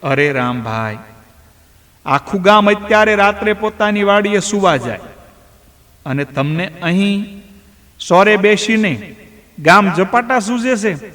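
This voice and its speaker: A man's voice: sits high, expressive, a little slow, pauses often, a bit bright, pitched above the performer's own voice. A man doing a teasing, nosy villager. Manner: chiding, teasing. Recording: long hall reverb.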